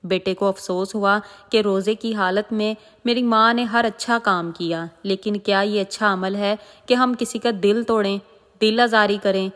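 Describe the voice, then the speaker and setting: A woman tells a moral religious story in a dramatic, emotive way. Her voice sits at a middle pitch. A long, echoing reverb trails every phrase. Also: steady tone, fairly bright tone.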